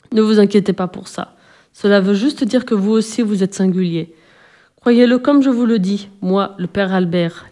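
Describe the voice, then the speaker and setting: A woman's voice: mid-range voice, close to an everyday voice. A woman voicing a very old, wise male animal who tells the tale and reassures the listeners. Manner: gentle, reassuring.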